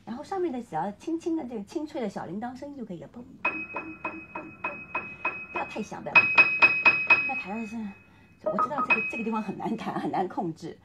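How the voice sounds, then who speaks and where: Talking fast with huge pitch swings, this woman from China has a slightly high voice and teaches piano in a masterclass. She hums phrases and sings melodies while coaching her student, and the recording is very noisy, with piano playing behind her.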